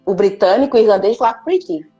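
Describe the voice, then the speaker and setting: A woman, an English teacher hosting a casual live chat, chatty and quick to laugh. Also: a little high, husky. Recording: dull lo-fi stream audio, faint music.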